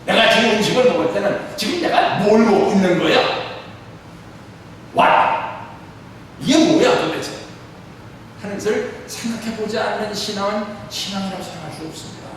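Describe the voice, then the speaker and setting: A man in his sixties delivers an animated sermon, pitched high for a man. He stands away from the mic, so his voice rings through a large, echoing church hall. Faint noise hums underneath. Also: moderate pace, long pauses, distant mic. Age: 60s. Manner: animated preaching with rhetorical questions. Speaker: church leader.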